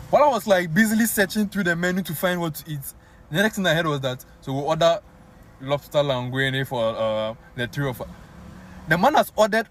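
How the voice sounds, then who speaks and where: A young Ghanaian man with a Ghanaian accent, telling a story to his viewers in an animated, casual way full of fillers. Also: on the high side, a little hiss or hum. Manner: animated, many fillers, addresses viewers as guys. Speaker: vlogger.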